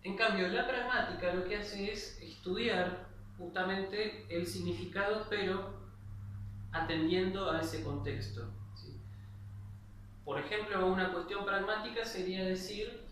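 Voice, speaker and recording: A man's voice: high-pitched, measured pace, a bit bright. Man lecturing in a very echoey room. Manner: explanatory, with frequent "¿sí?" checks and restarts. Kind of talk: spoken grammar lesson. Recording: very echoey, distant mic, faint noise.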